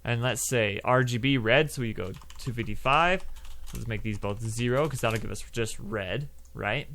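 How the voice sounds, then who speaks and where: A man's voice: mid-range voice, moderate pace, a bit bright, slight background noise. A young man talks through a game coding tutorial in a loose, chatty way, full of fillers and asides. He speaks into a desk mic at his computer, and keyboard typing can be heard behind him. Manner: loose and chatty, lots of fillers, plays laser noises. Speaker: game development tutorial host. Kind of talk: casual screen-recorded coding tutorial.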